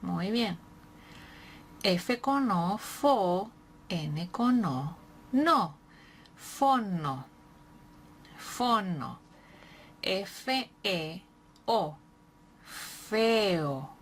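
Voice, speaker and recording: Woman reading tutor: drawn-out syllables, very unhurried, encouraging, light noise under the voice. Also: medium pitch, animated. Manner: slow, clearly spelled syllables with patient encouragement. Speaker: reading teacher. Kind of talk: slow syllable-by-syllable reading lesson.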